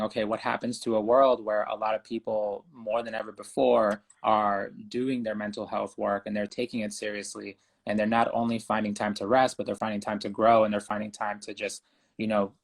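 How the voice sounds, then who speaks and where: A young man from Ecuador speaks as a guest in an interview, calm and earnest. His voice sits low and stays fairly even in pitch, unhurried and reflective. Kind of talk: conversational interview.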